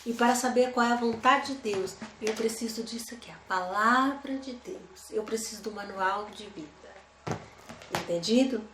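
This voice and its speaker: A woman leads a Bible study lesson in a fairly high voice. She keeps it conversational and checks in with her listeners through rhetorical questions. The sound bounces around an echoey room. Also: moderate pace, background noise.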